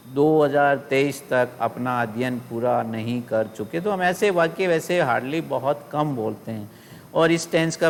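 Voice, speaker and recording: Slow-dictating male teacher in echoey classroom. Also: mid-range voice. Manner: slow, deliberate dictation of example sentences, then quick Hindi explanation. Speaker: school English teacher. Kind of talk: classroom grammar lesson, mixing Hindi and English. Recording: roomy long reverb with faint ambient noise.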